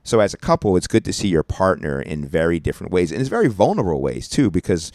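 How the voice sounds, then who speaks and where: Deep gravelly man, rambling and affectionate. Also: sing-song, fast, darkish tone, dry recording, clean studio sound. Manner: rambling, affectionate, laughs often. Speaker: podcast co-host. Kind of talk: casual relationship chat. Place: radio studio. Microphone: studio mic.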